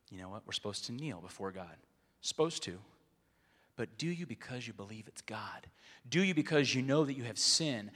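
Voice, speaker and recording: A man delivers a sermon at a middle pitch, sinking to near-hushed lines and then climbing to loud, emphatic ones. His voice carries the long reverb of a large hall. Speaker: preacher.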